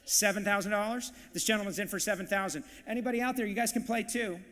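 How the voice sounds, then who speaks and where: A man working as auctioneer and emcee at a live charity event, calling bids in a rapid, punchy, hyped way. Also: high-pitched, fairly even intonation, fairly bright tone, long reverb tail. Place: large banquet hall, live audience.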